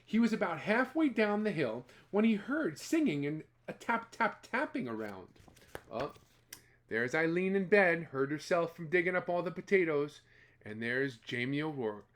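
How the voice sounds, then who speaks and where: Narrating a children's folktale, this man has a fairly high, fairly bright voice. He tells it expressively, part read and part ad-libbed, with dramatic exclamations and playful asides.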